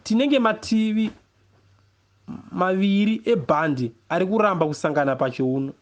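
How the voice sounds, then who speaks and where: A man with a Zimbabwean accent, a poet reading from a novel, gives an expressive first-person literary story at a measured pace with deliberate pauses. His voice is high, and the recording sounds muffled.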